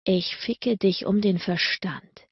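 A woman voicing an intense adult male lover, speaking low and murmured with a rough, deep tone. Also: takes it slowly, no room sound, dull audio. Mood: heated, breathless. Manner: low, murmured, breathy delivery.

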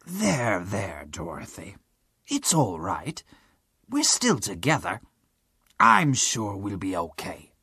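A woman voicing a kind tin man with a very low, gravelly, soothing voice. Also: wildly swooping pitch, takes it slowly, sharp tone, dry recording, full character voice.

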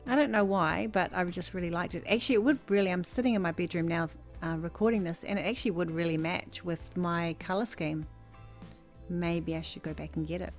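Her voice lowish and a little fast, a woman in her thirties narrates shopping footage from her bedroom. She gushes and rambles in a casual vlog voice-over as music plays faintly.

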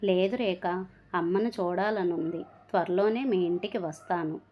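A woman's voice: lowish voice, measured pace. Woman voicing an anxious protective daughter. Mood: gentle. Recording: dull lo-fi recording.

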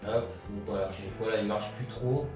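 A young man walks through a DIY sewing tutorial as he works, relaxed and fond of fillers like "hop, voilà." His voice is fairly low. The camera mic sits at a distance in a bare indoor room with a grey wall, so there's roomy echo and faint music.

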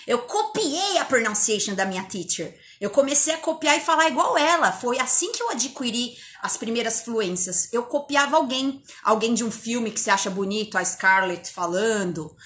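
Brazilian woman from inland São Paulo, high-pitched English teacher, punchy and casual, recorded at home. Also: moderate pace, few pauses. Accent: inland São Paulo Brazilian Portuguese. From inland São Paulo state, Brazil. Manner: lively, emphatic, chatty, swears casually. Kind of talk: informal online lesson. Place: empty bedroom at home.

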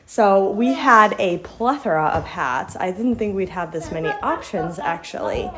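A young American mom vlogs casually, holding her phone at arm's length as she moves around her living room and kitchen, with household noise clearly audible. Her voice is medium-pitched, expressive and fairly bright, and she speaks a little slowly.

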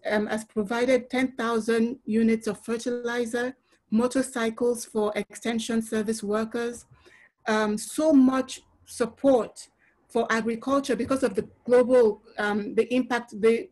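A woman's voice: a little high, steady tone, unhurried, a little mellow. A middle-aged woman from Nigeria, moderating a panel webinar over a laptop video call, effusive with many filler ums. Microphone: laptop webcam video call.

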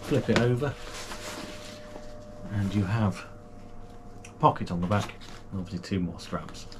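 At a measured pace, a British kayaking channel host chats through an unboxing in his small home gaming room, his voice sitting a little low. Enthusiastic and casual, he leans on plenty of fillers and restarts, and background noise is clearly audible in the room.

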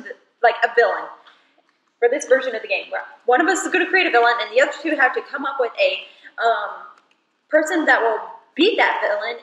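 Giggly young woman hosting a game night at home, bright high voice, roomy far-off sound. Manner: giggly, rambling, bubbly. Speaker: host of a card game video. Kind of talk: casual chat explaining a game. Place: home living room. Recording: echoey room, mic at a distance.

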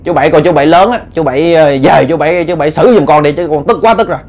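A man's voice: a little high, very fast, a little mellow. A man with a Southern Vietnamese accent voicing an agitated younger village man who stammers out an indignant complaint. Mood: upset. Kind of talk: storytelling voice acting.

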